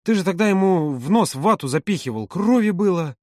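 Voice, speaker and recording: A man's voice: high voice, lively intonation, brisk, a little mellow, dry recording, studio quality, voice pushed up. A man reading an audiobook, voicing a chatty, curious woman who eagerly asks questions.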